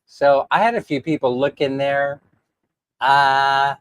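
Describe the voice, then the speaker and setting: A man's voice: medium pitch, fairly even intonation, takes it slowly, a bit bright, clear, resonant tone, no room sound. Throaty, congested man chatting on a livestream. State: sick with a sore, congested throat. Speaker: livestream host. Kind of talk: casual livestream chat.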